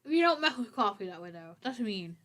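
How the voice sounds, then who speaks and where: A woman's voice: mid-range voice, big pitch swings, brisk, fairly bright tone. A woman hosting a casual writing livestream, playfully teasing her co-host and laughing often. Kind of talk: casual chat.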